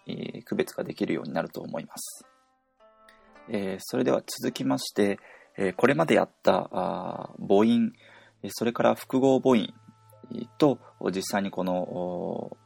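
A man teaching pronunciation in a podcast lesson, speaking haltingly with many fillers. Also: on the low side, gravelly, a little mellow, slightly rough, no echo. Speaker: language teacher.

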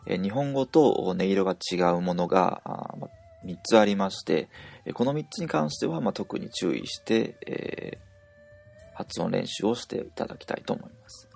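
A Japanese man teaching pronunciation in an audio language lesson, explaining patiently and pausing to demonstrate sounds. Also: low-pitched, animated, vocal fry, a little mellow, faint music behind.

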